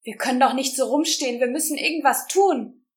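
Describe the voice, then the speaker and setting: A woman's voice: high-pitched, expressive, normal speed, pitched above the performer's own voice. A woman reading a storybook who voices a desperate young woman begging for help in a frantic, pleading voice.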